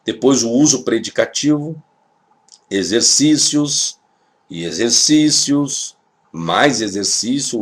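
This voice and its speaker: A man teaching Hebrew grammar with a Brazilian Portuguese accent, explaining step by step in a casual classroom way. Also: on the low side. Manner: explains step by step, often adding "tá?".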